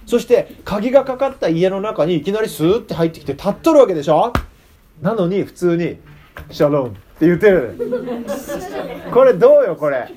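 A pastor with a Kitakyushu accent gives a children's sermon in a high, mellow voice. His pitch swings widely as he plays with the story. He keeps pulling the listeners in with questions. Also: sing-song, normal speed, slight background noise. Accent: Kitakyushu Japanese. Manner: playful, asks the listeners questions.

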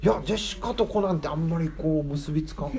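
A man's voice: a little high, fast, creaky, a crowd in the background. A man giving a casual sermon to children, chatting and asking them questions. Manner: chatty, asks the audience questions. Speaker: preacher teaching children.

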